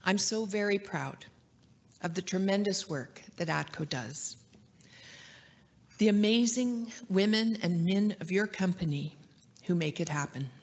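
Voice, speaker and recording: A Canadian woman executive giving a formal meeting address and answering shareholder questions in a measured, gracious way. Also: medium pitch, lively intonation, muffled recording. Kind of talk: formal speech, then live Q&A. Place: meeting hall.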